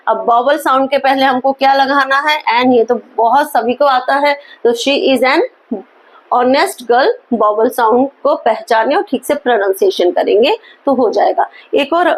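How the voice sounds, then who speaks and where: A high-pitched woman teaches an English grammar lesson in Hindi, posing questions and answering them herself. She reads example sentences slowly, spelling them out.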